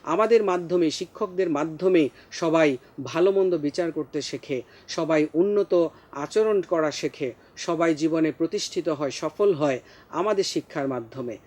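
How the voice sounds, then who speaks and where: A man's voice: fairly high pitch, a little mellow. A man teaching a pronunciation lesson to young pupils, drawing out each word for them to repeat. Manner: slow, drawn-out model pronunciations for pupils.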